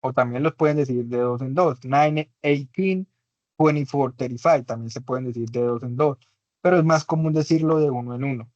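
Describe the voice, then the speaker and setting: A man's voice: mid-range voice, fairly even intonation, fairly quick, darkish tone, no room sound, lo-fi sound. Patient man teaching English in Spanish. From Latin America. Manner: patient, repeats points, checks understanding with tag questions. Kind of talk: online class explanation.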